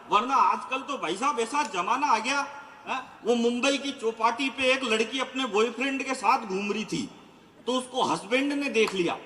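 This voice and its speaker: A man's voice: very high voice, sharp tone, slight background noise. A man doing live stand-up comedy, boastful and teasing the audience as he tells jokey stories. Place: outdoor stage by a lake at night. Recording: echoey outdoor PA sound with long reverb.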